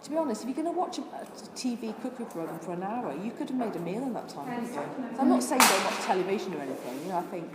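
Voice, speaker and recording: This older Scottish woman, a vegan charity worker who has lost her accent, answers interview questions earnestly and chattily, listing things off with many restarts. Her mid-range voice is sing-song and quick, with hardly any pauses, recorded in an echoey, noisy room.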